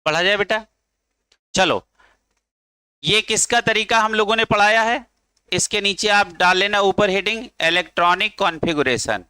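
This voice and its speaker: A man's voice: high-pitched, moderate pace, pauses often, bright, forceful tone, smooth, no echo. A male chemistry teacher giving a classroom lecture, coaxing his students and drilling them to chant along.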